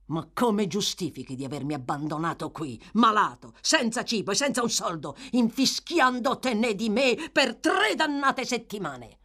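A surly, feverish thug who snarls his complaints with open contempt, as a woman reading the book acts him out. The voice turns loud and forceful when he rages. An audiobook character voice. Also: medium pitch, big pitch swings, normal speed, hardly any pauses, pitched above the performer's own voice. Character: sick surly male thug, growling and bitter.

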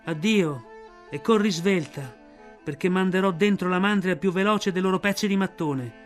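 A man's voice: high-pitched, normal speed, soft background music, pitched above the performer's own voice, lightly acted. A man voicing a proud, defiant jungle youth.

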